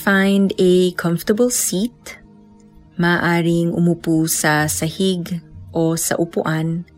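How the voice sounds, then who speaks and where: A woman with a Filipino accent leading a guided meditation as a teacher, speaking in a calm, gentle way with unhurried pauses. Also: on the low side, faint music behind.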